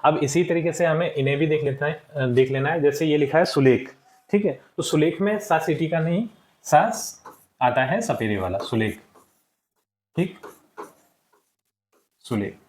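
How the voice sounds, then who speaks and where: A male teacher walking young pupils through textbook answers, saying each word slowly for them to repeat and often checking in with "ठीक है". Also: a little high, a little mellow, echoey room. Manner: slow and deliberate, checks in with frequent "ठीक है". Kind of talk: classroom lesson walkthrough.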